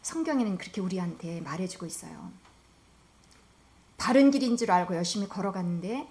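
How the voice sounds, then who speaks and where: A woman preaching a sermon in an earnest, emphatic manner, often dropping to a soft, hushed voice. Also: fairly low pitch, animated, a little fast.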